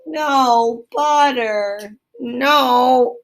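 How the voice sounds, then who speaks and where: A woman's voice: high voice, voice pushed up, low-quality recording. Woman voicing Mole, a gloomy little storybook animal. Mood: groaning.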